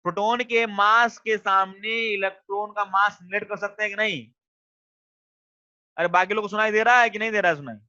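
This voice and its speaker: Bright high-voiced man teaching online. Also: brisk, smooth. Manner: coaxing, repeats questions to students. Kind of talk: online class lecture. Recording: dull lo-fi sound.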